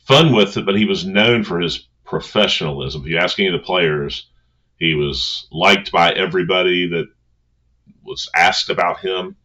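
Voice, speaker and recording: Deep-voiced man giving an informal motivational talk. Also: pushed and bright, lo-fi sound. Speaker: motivational coach.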